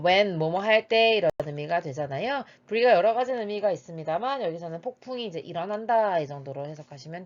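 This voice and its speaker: Woman, English teacher, patient methodical explanation, "uh" fillers, mid pitch, slightly muffled lo-fi audio. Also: darkish tone. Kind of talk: explaining exam reading passage. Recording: slightly dull lo-fi recording.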